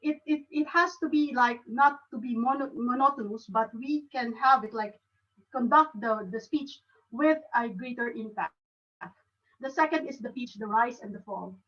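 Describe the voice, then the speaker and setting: Filipino woman, club presentation, halting delivery with restarts, higher voice, distant muffled call audio. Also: a bit bright. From Philippines. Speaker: club speaker. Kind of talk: educational talk.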